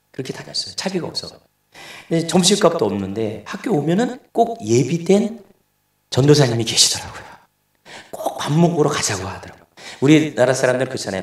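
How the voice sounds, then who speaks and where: Man preaching in an echoey church. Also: a little high. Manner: storytelling, acts out dialogue in quoted voices. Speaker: pastor. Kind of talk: sermon. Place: church sanctuary. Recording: echoey church hall, distant mic.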